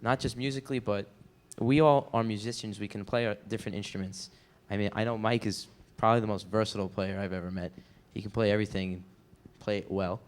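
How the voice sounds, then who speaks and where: A man's voice: lowish voice, fairly even intonation, fast, hardly any pauses. A young man in a band, guesting on a college studio show and chatting in a playful, joking way. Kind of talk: casual interview chat.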